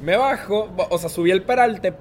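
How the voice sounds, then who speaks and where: A man's voice: sits high, moderate pace. A young man with a Mexican Spanish accent, a guest telling a story in a casual interview and acting out other people's lines as he goes.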